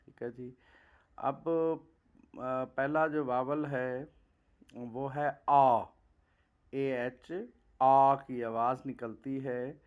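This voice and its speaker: A man with a Pakistani accent teaching shorthand, explaining vowel sounds step by step and slowly dictating practice sentences word by word. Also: medium pitch, phone-quality sound. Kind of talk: classroom lecture.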